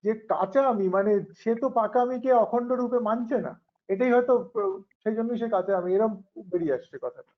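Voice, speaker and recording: A man with a Bengali accent poses careful questions and hesitates with fillers between phrases. His voice is fairly high. The sound is dull and lo-fi. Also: quick pace. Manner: thoughtful, hesitant, frequent ah fillers. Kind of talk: philosophical discussion. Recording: dull lo-fi recording.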